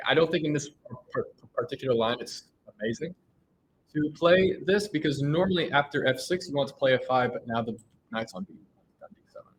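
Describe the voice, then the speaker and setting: A man doing live chess commentary in a casual, thinking-out-loud way. He often restarts his sentences and trails off mid-thought. His voice sits at an everyday middle pitch, with a faint hiss behind it. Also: rough recording. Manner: thinks aloud with frequent restarts and fillers.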